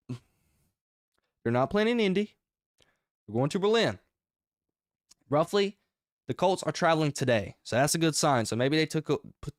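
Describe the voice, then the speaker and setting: Running through game picks on the sports podcast he hosts, a short-of-breath man keeps things casual, energetic, and rambling, punctuated by emphatic outbursts. His voice is a little high, captured in a dry, studio-quality recording.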